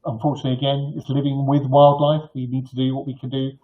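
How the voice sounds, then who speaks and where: A middle-aged man hosts an informal live stream from a room at home. His voice sits at a medium pitch and he explains things in a halting, conversational way. The webcam sound is a little dull and lo-fi. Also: little pitch movement. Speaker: gardening live stream host. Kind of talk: informal question-and-answer advice to camera. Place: bright living room indoors.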